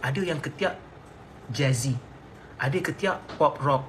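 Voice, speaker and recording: A Malaysian man with a Malaysian Malay accent chats in a comic, over-the-top way, breaking into laughter often as he sells something. His voice sits in a middle pitch, and a faint hiss of noise runs beneath it. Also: measured pace. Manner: playful, exaggerated, laughs often. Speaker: celebrity endorser. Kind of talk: comedic sponsored chat.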